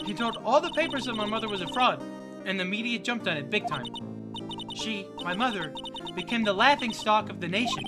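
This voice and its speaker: A performer acts out a young woman from a video game. She is gentle and sorrowful, trusting and vulnerable, with an expressive range of pitch. Music is clearly heard behind her. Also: a little fast, close to an everyday voice. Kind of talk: dramatic video game read-aloud with character voices.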